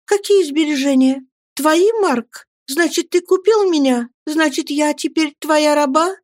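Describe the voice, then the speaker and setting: Woman reading a young heroine in an audiobook: high-pitched, pleading, torn by despair. Dry, close sound. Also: a little slow, a little mellow, no echo. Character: young devout woman, distressed and desperate.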